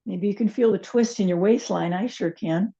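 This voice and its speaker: A woman teaching a chair yoga and meditation class, giving gentle, unhurried cues with soft asides. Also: medium pitch, vocal fry, husky, lo-fi sound. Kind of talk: guided yoga class instruction.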